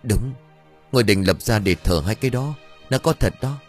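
A man's voice: on the low side, lively intonation, moderate pace, darkish tone, soft background music. A man voicing a half-mad old village woman who cries out in alarm, in an audiobook. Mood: insistent. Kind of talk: audiobook character voice.

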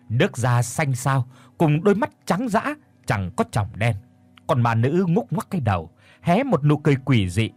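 A man narrating a ghost story in a suspenseful, expressive way. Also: medium pitch, dry recording.

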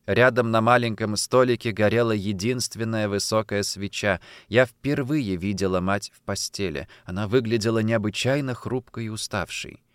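Clear-voiced male audiobook narrator. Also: on the low side, normal speed, few pauses, no room sound, clean studio sound. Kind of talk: scripted narration.

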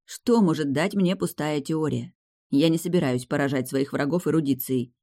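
A woman narrating a fantasy audiobook in a low, mellow voice. She reads in a steady, wry storytelling manner, with a relaxed and warm tone throughout. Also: normal speed. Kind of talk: first-person fantasy novel reading.

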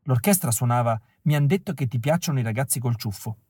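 A man reading a first-person novel aloud as an audiobook, telling it in a wry, expressive way that keeps dropping to a flat, quiet tone. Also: medium pitch, fast talker, breathy edge. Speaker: audiobook reader. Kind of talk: first-person literary narration.

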